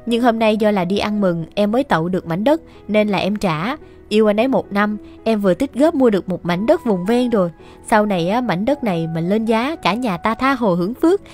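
A woman's voice: mid-range voice, darkish tone, lightly acted. A woman voicing a sweet, lovestruck younger sister who talks in a sugary, pleading way.

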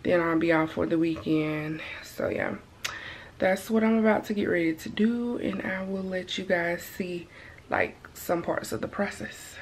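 A woman's voice: lowish voice, measured pace, a little hiss or hum. A young woman in her twenties chatting casually to the camera at home for her vlog. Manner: relaxed, chatty, talking straight to camera. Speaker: vlogger. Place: bedroom at home, indoors.

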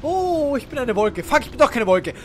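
A man's voice: very high-pitched, normal speed, a little hiss or hum. A man with an Austrian accent giving joking, swearing gameplay commentary, yelping in fright at the action. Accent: Austrian German. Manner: excitable, joking, swearing, yelping when scared. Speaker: let's play host.

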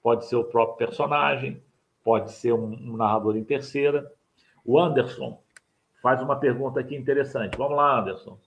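A man's voice: mid-range voice, fairly even intonation, normal speed, vocal fry, highs cut off. An older man teaching writing in a live online mini-lesson, explaining his points step by step and repeating them, recorded through a webcam in a home study. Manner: didactic, repeats key points, asks viewers to like and subscribe.

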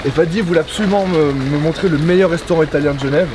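A man's voice: on the high side, fast, noisy background. A man in his thirties hosting a casual food vlog, joking and teasing his cameraman. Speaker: food vlogger host.

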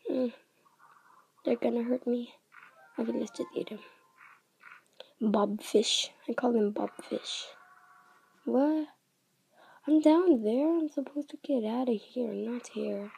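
A woman's voice: fairly high pitch, slow, creaky, long pauses, a little mellow, husky, poor audio. A woman giving chatty let's-play commentary on a mobile game, narrating each move and often dropping to a half-whisper.

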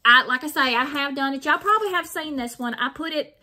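A high, pushed, bright voice, a bit on the fast side, belongs to a middle-aged craft vlogger from Mississippi with a Southern accent. She casually unboxes craft purchases, rambling in a folksy way and repeating things. She's in a small, plain indoor room with noticeable noise and the crinkle of plastic.

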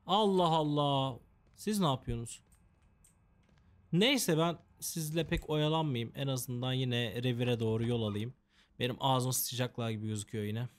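A man of ordinary pitch talks through a game in a loose, joking way. He chats to the characters on screen and grumbles about his bad luck with playful overstatement. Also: normal speed. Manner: mock-dramatic complaining. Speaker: gameplay commentator. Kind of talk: casual let's-play commentary.

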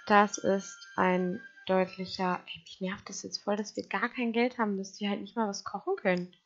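A woman's voice: mid-range voice, steady tone, moderate pace, lo-fi sound. A woman giving casual let's play commentary, chatting to her game characters and to her viewers.

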